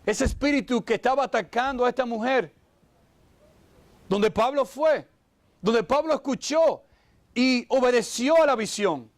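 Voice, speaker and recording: A high-pitched man delivering a lively sermon. He stops to put questions straight to his listeners and breaks into short acted-out voices of the people in the story. His delivery is animated and full of exclamations. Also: a little slow, long pauses, dry recording. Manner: animated, acts out voices of Bible figures; exclaims "wow" often, asks listeners direct questions. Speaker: pastor.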